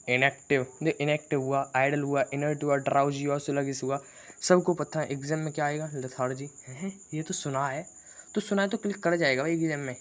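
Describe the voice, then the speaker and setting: A man teaching an exam-prep vocabulary lesson, chatty and teasing as he rattles off lists of synonyms. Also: a little high.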